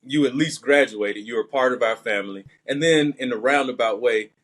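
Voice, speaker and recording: Here the same Alabama actor's voice sits mid-range, brisk and slightly bright, his light Southern accent coming through. As a podcast guest, he takes interview questions in a careful, methodical manner.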